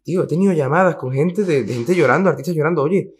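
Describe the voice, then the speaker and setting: A man's voice: a little high, quick pace, breathy edge. A man from Cádiz, a singer-songwriter guest talking casually and emphatically in an interview, full of slang and mild swearing. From Cádiz, Spain.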